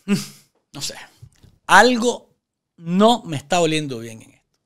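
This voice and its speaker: A man's voice: sits high, a bit bright. A man in his thirties with a Nicaraguan accent, a journalist giving emphatic, opinionated news commentary from a small studio set, gesturing as he talks. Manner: emphatic, gestures with his hands, many filler pauses. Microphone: studio microphone on a desk stand.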